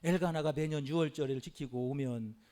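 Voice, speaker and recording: A middle-aged male pastor preaching a sermon in an animated way, with frequent hallelujahs and rhetorical questions to the congregation. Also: fairly high pitch, a little fast.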